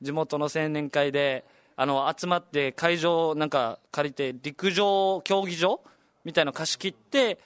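A young man from Okinawa with an Okinawan accent, a comedian and radio host telling stories in a chatty, animated way. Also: a little high, a little slow, smooth, no room sound. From Okinawa, Japan. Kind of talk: casual storytelling chat.

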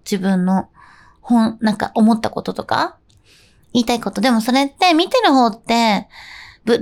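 Young woman radio host, high voice, bubbly and chatty, runs a playful quiz. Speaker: radio host and live streamer. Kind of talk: casual radio chat with quiz.

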